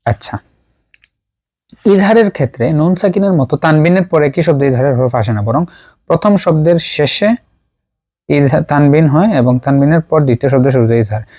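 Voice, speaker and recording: A man teaching Quran recitation rules. He writes examples on a board as he explains, speaks haltingly with frequent pauses and fillers, and drills each term through slow repetition. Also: on the high side, lively intonation, mellow. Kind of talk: explanatory lesson at a writing board.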